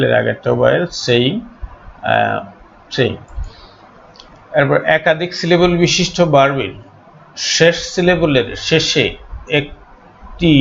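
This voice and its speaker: A man teaching an English grammar lesson, speaking deliberately, spelling out letters and pausing on frequent fillers. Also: medium pitch, vocal fry, muffled recording, slight background noise.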